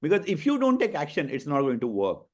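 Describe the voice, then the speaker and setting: A man's voice: fairly high pitch, wildly swooping pitch, fast talker. A man with an Indian accent hosting a motivational coaching session, making points emphatically, repeating them and checking in with his listeners.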